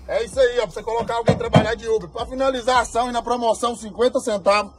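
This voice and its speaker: A man doing an excited, loud sales pitch for a raffle prize. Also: very fast. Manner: excited, shouting promo patter. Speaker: raffle promoter. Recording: over loud music.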